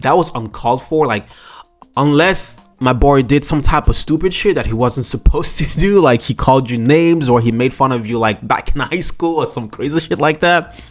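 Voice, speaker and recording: A young man hosting a casual chat, reacting to rejection stories in an animated, exclaiming, slangy way. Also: medium pitch, normal speed, soft background music.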